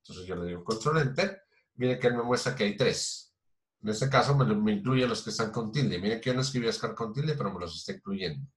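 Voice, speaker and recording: A man with a fairly low voice teaches a recorded online programming class, speaking a little fast. He goes through things patiently step by step with lots of fillers and restarts, and the audio carries a roomy echo.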